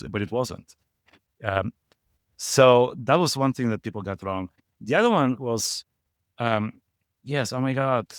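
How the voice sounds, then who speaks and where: In clean studio sound without echo, a middle-aged Bulgarian portfolio manager speaks in a lowish voice as a guest in a conversational interview. His Bulgarian accent is noticeable, and he repeats words to add stress.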